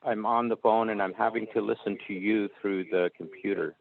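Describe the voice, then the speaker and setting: A man's voice: on the low side, steady tone, normal speed, creaky, a crowd in the background. A man speaking over a phone line, hesitant and full of ums and uhs as he announces competition winners on a conference call. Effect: heard over a phone line.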